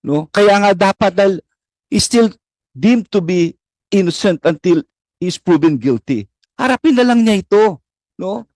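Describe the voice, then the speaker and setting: Mahinahong lalaking opisyal ng gobyerno. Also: male voice, high voice, expressive, a little mellow, dry recording. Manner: measured, conciliatory, explaining. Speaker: government official answering questions. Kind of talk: formal hearing testimony. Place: hearing room.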